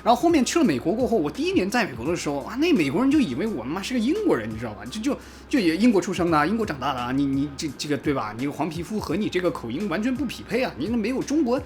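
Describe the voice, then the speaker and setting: A chatty man from China talks through a casual car review vlog at a brisk pace. His voice bounces around a lot in pitch, and it jumps up whenever he imitates someone else's remark. Faint music plays softly underneath. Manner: animated, fast and chatty, mimics commenters in a raised voice, casual swearing.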